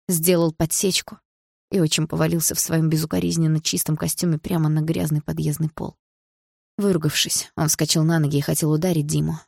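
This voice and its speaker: A woman narrating a novel in the first person, reading in a steady, even storytelling manner. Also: sits low, creaky, dry recording, studio quality. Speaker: audiobook narrator.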